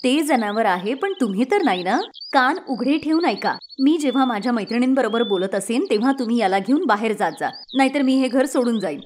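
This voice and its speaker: A woman's voice: a little high, normal speed, a little hiss or hum, natural voice. A woman voicing a spoiled, rude young city daughter-in-law who scolds and complains sharply. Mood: angry.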